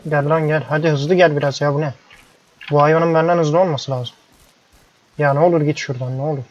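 A young man doing casual gameplay commentary, his fairly high voice turning exasperated as he scolds and coaxes stubborn farm animals. It comes through a muffled, lo-fi headset microphone with a faint hiss of background noise. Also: fairly even intonation, brisk. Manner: frustrated, grumbling, talks to the animals. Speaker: gameplay YouTuber. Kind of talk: casual let's-play commentary.

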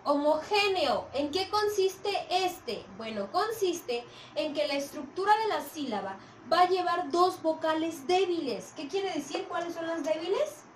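A woman gives a recorded lesson for young pupils in a high voice, often checking in with them as she goes. She sounds set back from the mic in an echoey room, with a faint hiss underneath. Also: lively intonation, unhurried, few pauses, distant mic. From Mexico. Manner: patient, checks in with "¿ok?" and "¿sale?". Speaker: primary school teacher. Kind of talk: recorded video lesson for children.

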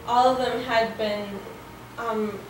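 A woman's voice: a little high, fairly even intonation, slow, a little hiss or hum. A young woman interpreting a sermon line by line, hesitant, with fillers and restarts. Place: living room set with framed pictures. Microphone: far camera. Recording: echoey room from far off, faint music.

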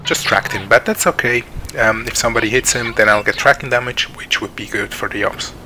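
A Swiss man who hosts a gaming channel gives casual, hesitant commentary full of ums and restarts, speaking briskly at a medium pitch with a steady tone. Music plays and tank game sounds run over his voice.

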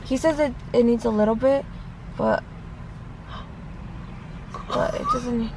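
A woman's voice: fairly high pitch, takes it slowly, darkish tone, a little hiss or hum, rough recording. A young woman in a casual couple vlog, playfully indignant and bantering, often saying "dude" and "bogus". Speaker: vlogger, girlfriend.

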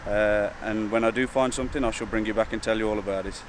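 A man, talking casually and a little hesitantly to camera as a wildlife vlogger, outdoors beside rushing water. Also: lowish voice, fairly even intonation. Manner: informal, hesitant and chatty. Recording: outdoor wind, rushing water and traffic noise.

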